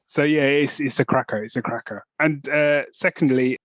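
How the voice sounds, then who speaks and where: His mid-range voice is a bit bright, with fairly even intonation and a moderate pace, as he co-hosts a podcast without any room sound. The chat is casual and eager, full of rambling and restarts.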